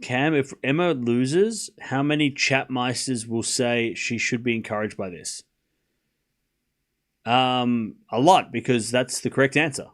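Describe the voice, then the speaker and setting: An unhurried man with a mid-range voice and a mild Australian accent hosts and commentates a tennis watchalong livestream, weaving casual conversation into the commentary and repeating phrases to drive points home.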